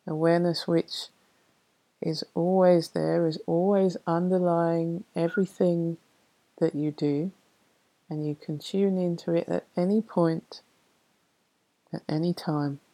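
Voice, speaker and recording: Very slow, low, mellow female meditation guide. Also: steady tone, low-quality recording. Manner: soft, soothing, unhurried delivery with long pauses. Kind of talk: guided meditation narration, reading a poem.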